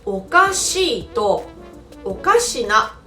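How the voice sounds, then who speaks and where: A woman's voice: on the high side, big pitch swings, very slow, sharp tone. A woman teaching a Japanese lesson, explaining patiently and asking the viewers questions. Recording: roomy echo with faint background music.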